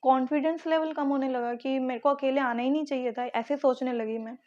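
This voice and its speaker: A young woman vlogger casually telling a personal story in an animated way. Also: high voice, brisk, dull audio.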